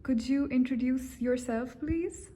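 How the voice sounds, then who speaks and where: A woman student interviewing a guest, asking questions gently and encouraging him with frequent mm-hmms. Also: sits high, measured pace.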